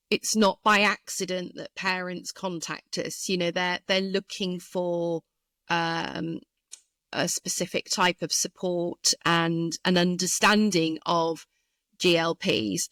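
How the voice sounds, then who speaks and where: A woman speech therapist, a guest in an interview, explaining carefully and thoughtfully with frequent pauses and fillers. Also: mid-range voice, fairly bright tone, no room sound. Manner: thoughtful, hesitant with many fillers.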